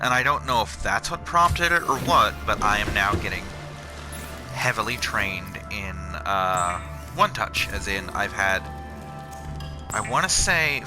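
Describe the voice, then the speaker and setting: His mid-range voice is animated but unhurried as this young channel host plays a video game and chats casually. He wanders on about work, sarcastic and swearing freely, with game music in the background.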